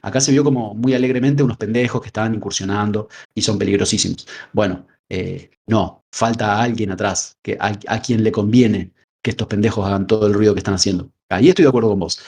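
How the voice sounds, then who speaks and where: A man's voice: fairly low pitch, fairly even intonation, brisk, creaky, hardly any pauses, a little mellow, breathy edge. A man with a Rioplatense Spanish accent, co-hosting a casual film discussion podcast, rambling with frequent filler words. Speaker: podcast co-host.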